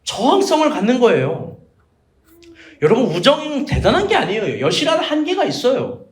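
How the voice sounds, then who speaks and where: A man's voice: very high voice, huge pitch swings, moderate pace. A man preaching a sermon at a small church, telling jokey stories and asking the congregation questions. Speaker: evangelist pastor. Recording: roomy church echo.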